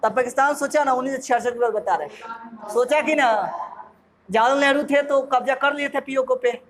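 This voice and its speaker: High-voiced Bihari teacher in a crowded classroom. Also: male voice, steady tone, fairly quick, a crowd in the background, poor audio. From Bihar, India. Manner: jokey, asks the class questions. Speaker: coaching teacher. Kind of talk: lively classroom quiz revision. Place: classroom full of students. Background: students in the room.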